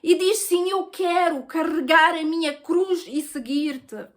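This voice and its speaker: High-voiced European Portuguese woman testifying. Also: slow. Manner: earnest, emotional storytelling. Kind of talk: personal testimony.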